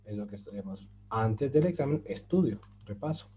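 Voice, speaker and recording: A man's voice: on the low side, animated, moderate pace, warm tone, slight background noise. A man giving an online grammar lesson, explaining patiently with many fillers and asking his students if they follow. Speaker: Turkish teacher.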